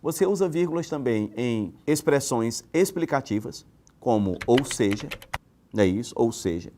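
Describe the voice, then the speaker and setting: A man from Brazil giving a recorded grammar lesson, explaining with rhetorical questions and lively swings in pitch. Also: normal speed, slight background noise. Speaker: teacher.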